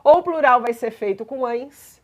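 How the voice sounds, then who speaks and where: A woman's voice: on the high side, moderate pace, highs cut off. A woman teaching grammar in a patient explanatory lesson, spelling out examples and checking in with listeners.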